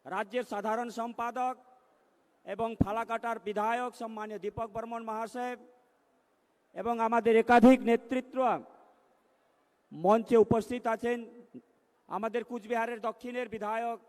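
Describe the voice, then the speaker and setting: High-voiced man with booming loudspeaker echo. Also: flat delivery, normal speed, pauses often. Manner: declamatory, rising to loud emphatic declarations. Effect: long booming echo from the rally loudspeakers. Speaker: political candidate addressing a rally. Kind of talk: political rally speech. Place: large public rally stage. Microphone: stage microphone through loudspeakers. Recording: long echoing reverb from public-address loudspeakers.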